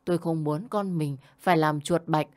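A young woman narrating a first-person story in a calm, plaintive way. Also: deep voice, moderate pace. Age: young adult. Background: faint music.

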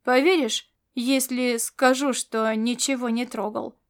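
A woman's voice: fairly high pitch, steady tone, unhurried. A woman reading an audiobook and voicing a hot-tempered male space mercenary who argues back defensively. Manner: indignant, defensive, yelling back. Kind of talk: audiobook character voice.

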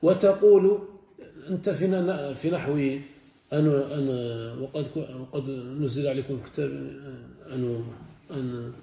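Acting as a sheikh, a man with a fairly high voice and fairly even intonation teaches grammar, repeating each word form aloud several times and pausing to make sure his students follow. The lo-fi recording is muffled and echoes like a roomy classroom.

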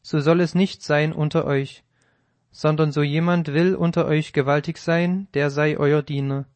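A man reading the words of Jesus in a scripted audio Bible, with measured, solemn archaic phrasing. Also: a little high, fairly even intonation, darkish tone, no echo, close to an everyday voice. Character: Jesus, calm grown male teacher.

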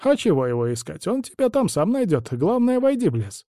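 A man's voice: high-pitched, big pitch swings, a little fast, dark tone, no room sound, clean studio sound, pitched above the performer's own voice. A man voicing a grumbling, cunning old witch woman who talks evasively. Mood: cagey. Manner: cranky, evasive, sing-song.

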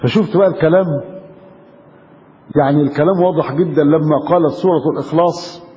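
An Egyptian man gives a religious lecture at a brisk pace, keeps putting questions to his listeners and answers them himself. His voice sits high. The recording is muffled and rings in a large hall. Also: warm tone. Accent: Egyptian Arabic. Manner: emphatic, questioning the audience. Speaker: preacher. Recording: dull echoey hall recording.

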